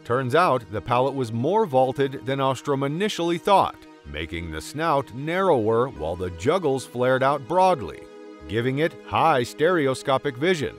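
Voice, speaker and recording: Nature documentary narrator, male, mid-pitched and lively, dramatic storyteller, light music underneath. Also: a little slow. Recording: music behind the voice. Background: background music.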